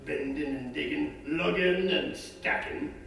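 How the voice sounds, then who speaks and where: Man playing a gruff, coarse peasant. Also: a little high, fairly even intonation, measured pace, fairly bright tone, slight background noise, exaggerated voice. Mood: bitter. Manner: blunt, crude, earthy. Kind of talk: stage acting. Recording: roomy stage sound from far off.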